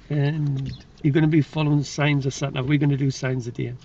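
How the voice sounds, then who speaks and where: A man's voice: a little high, flat delivery, normal speed, vocal fry, dark tone. A man working as a driving instructor, chatting, teasing and giving directions in a casual way from inside a car. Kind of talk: casual instruction during a lesson. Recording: distant, dull, noisy car interior.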